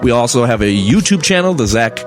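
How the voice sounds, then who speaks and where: A man's voice: mid-range voice, sing-song, fairly quick, music in the background. A young man co-hosting a casual podcast, rambling with frequent restarts and fillers. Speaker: podcast co-host.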